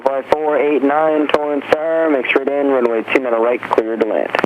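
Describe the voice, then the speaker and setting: A man's voice: mid-range voice, fairly even intonation, normal speed. A man working as an air traffic controller, giving clipped, routine radio calls heard over an aircraft radio. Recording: muffled radio with engine noise.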